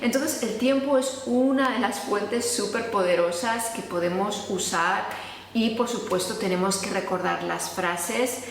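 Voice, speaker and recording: Speaking at a mid-range pitch and slightly slow tempo, a woman from Spain with a Spanish accent explains things in a casual online lesson and acts out practice conversations. There's slight background noise, and the room is echoey with long reverb.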